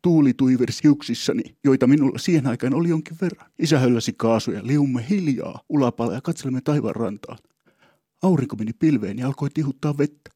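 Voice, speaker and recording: A man's voice: medium pitch, mellow, husky, dry recording. A man telling a humorous story about himself in a rambling, wry, mock-solemn way, often stopping and restarting his thoughts. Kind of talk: humorous first-person storytelling.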